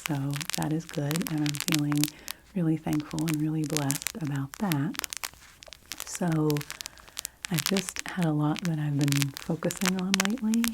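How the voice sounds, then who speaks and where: Low-voiced woman whispering ASMR chatter. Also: steady tone, noisy background. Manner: soft, unhurried whisper with chatty asides. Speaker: ASMR creator.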